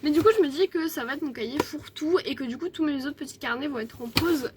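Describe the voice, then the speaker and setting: A high-pitched young woman talks casually from her desk at home, vlogging about her books. She rambles, fills gaps with hesitations and keeps correcting herself. A faint noise sits under her voice. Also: fast talker. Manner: chatty, rambling, many fillers and self-corrections. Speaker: book vlogger. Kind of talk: casual evening vlog.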